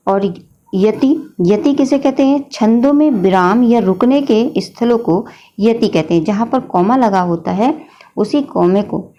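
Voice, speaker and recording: A woman's voice: a little high, measured pace, warm tone, dull audio. Patient woman teaching a grammar lesson. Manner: patient, explanatory, addresses students as children. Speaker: Hindi teacher.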